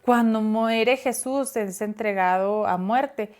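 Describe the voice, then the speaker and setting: A woman's voice: on the high side, slow, darkish tone. A woman co-hosting a casual Bible discussion, reading verses aloud and explaining them. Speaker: Bible study co-host.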